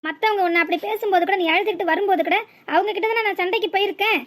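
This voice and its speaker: A voice actor plays an exasperated, blunt village husband in a cartoon, using an extremely high, slightly bright voice that rushes along rapid-fire with fairly even intonation. The delivery is scolding and lecturing, with a southern Tamil Nadu accent.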